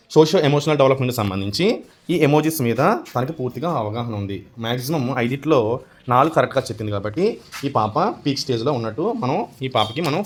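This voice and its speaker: A male schoolteacher in a classroom, quizzing a young pupil and praising the answers warmly. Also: mid-range voice. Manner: warmly encouraging, praises often; questioning, prompting a child. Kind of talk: classroom oral assessment.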